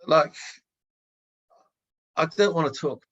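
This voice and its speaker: A man's voice: on the high side, takes it slowly, fairly bright tone, slightly rough, dull audio. A man talking casually on a podcast, airing a grievance in a blunt, rambling way with heavy swearing.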